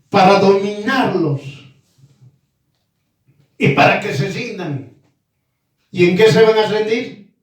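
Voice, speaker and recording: A man's voice: high voice, a little mellow. A man preaching a sermon, who repeats his phrases and keeps asking listeners whether they understand. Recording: very echoey room, distant mic.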